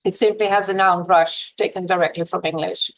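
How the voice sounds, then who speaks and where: A woman professor, a guest on an interview podcast, explaining points in a measured, lecturing way with some fillers. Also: lowish voice, steady tone, low-quality recording.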